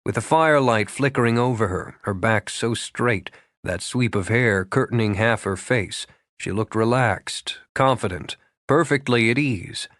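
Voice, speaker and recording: Measured male audiobook narrator. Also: mid-range voice, no echo. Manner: even, measured reading. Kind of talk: scripted romance narration. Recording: dry close studio sound.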